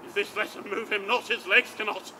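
A man on an open-air stage playing a boisterous, scheming old knight who talks in a loud, swaggering, theatrical way. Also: high-pitched, steady tone, fairly quick. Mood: mocking. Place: outdoor stage. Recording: outdoor recording with traffic noise.

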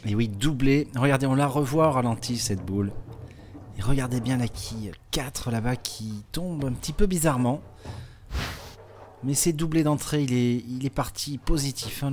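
Male sports commentator, conversational, explains every shot; light background noise. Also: mid-range voice. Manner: chatty, explanatory, with frequent hein and euh fillers. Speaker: bowling commentator.

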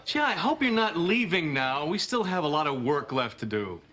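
A smug old schoolmate in a sitcom, bright-toned and needling, with a lively lilt. He speaks with sly, pointed politeness. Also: a little high, normal speed. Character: smug male old schoolmate, grudge-holding boss.

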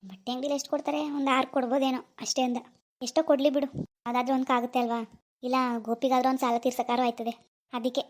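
A woman voicing an easygoing young village husband in a cartoon, talking fast and chatty. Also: sits high, flat delivery. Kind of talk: cartoon voice acting.

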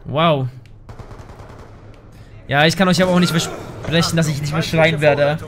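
A man giving casual gameplay commentary, excitable, yelping and swearing at the game into a desk microphone at home. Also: on the high side, a little slow, music in the background. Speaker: gaming YouTuber.

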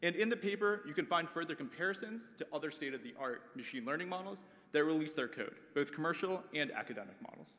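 A man's voice: a little high, lively intonation, fast, hardly any pauses, sharp tone, long reverb tail. A man presenting research results at a conference, walking through figures step by step with light filler words. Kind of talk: prepared research talk.

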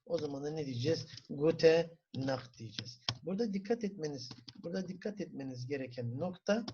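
A man with a Turkish accent teaching a German class, asking the students questions, answering them himself and repeating words slowly for pronunciation. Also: on the high side, animated, noisy background. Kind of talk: classroom lesson. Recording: dull lo-fi recording.

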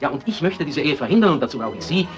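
A blustering rich father in his later years. He talks quickly, with a lively pitch that rises and falls as he pleads and schemes. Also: lo-fi sound, faint music behind. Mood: formal, scheming. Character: pompous wealthy industrialist father, older man. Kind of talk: 1960s film comedy acting.

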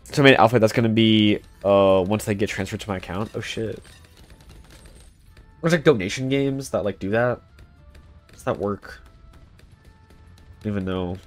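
A young male streamer talks casually and rambles through a live co-op game, tossing in fillers and half-finished thoughts. His voice sits a little low, with soft game music playing faintly underneath. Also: brisk. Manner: rambling, filler-heavy, talking to chat. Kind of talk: casual live gameplay commentary.

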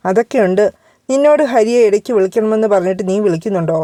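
A woman voicing a scheming middle-aged mother who talks in a sly, scornful way, with a mellow voice. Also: mid-range voice, animated, fast, dry recording, studio quality, natural voice.

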